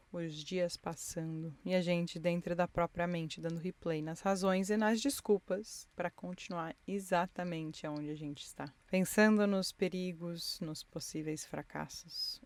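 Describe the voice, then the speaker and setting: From inside her car, a woman hosts a solo podcast, speaking straight to her listeners in a reflective, encouraging way. Her voice sits on the low side and the recording is dry. It's an intimate monologue from a podcast host.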